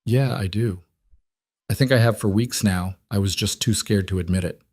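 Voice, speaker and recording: A man voicing a proud rancher, delivering halting, heartfelt lines in a low, steady voice. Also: no room sound, clean studio sound, natural voice. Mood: tender. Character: proud, struggling man who runs a ranch.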